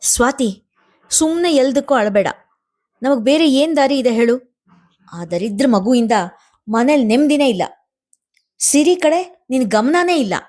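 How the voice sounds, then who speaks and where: A woman's voice: medium pitch, normal speed, pauses often, a little mellow, no echo, studio quality, lightly acted. A woman reading a family storybook, voicing a young father who speaks in a firm, clipped way. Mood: angry. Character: stern young father, harsh and resolute.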